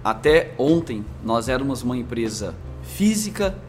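A man's voice: mid-range voice, sing-song, moderate pace, slight background noise. A man from Minas Gerais, raised in interior São Paulo, with a caipira R in his accent, talking as a marketing executive guest in long, flowing anecdotes. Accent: interior São Paulo, rolled caipira R. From Brazil, Minas Gerais, raised in interior São Paulo. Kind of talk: conversational storytelling.

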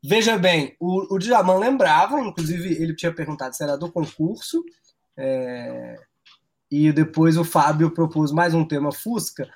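A man's voice: fairly high pitch, normal speed. A man hosting a comedy chat show, telling jokes playfully and acting out voices. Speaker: comedy podcast host.

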